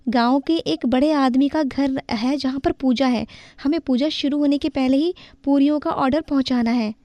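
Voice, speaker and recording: A woman voicing a brisk young widowed daughter-in-law giving quick instructions. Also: sits high, warm tone, no room sound, voice pushed up, lightly acted.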